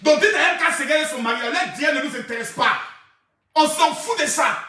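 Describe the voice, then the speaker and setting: Guy ranting on a live stream, high bright voice, yelling and chanting, echoey room, far from the mic. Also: animated, a little fast. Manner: shouting, chanting and mocking, with bursts of laughter. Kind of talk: rowdy live-stream commentary.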